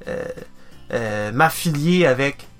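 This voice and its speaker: A man's voice: mid-range voice, expressive, slow, fairly bright tone, faint music behind. A man, hosting a casual podcast chat, rambling with many restarts and English words mixed in. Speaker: podcast host.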